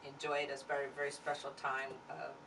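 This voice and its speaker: A woman's voice: a bass voice, completely flat delivery, fairly quick, creaky, distant mic, noisy background. A woman hosting a talk show interview. She talks in a chatty, enthusiastic way.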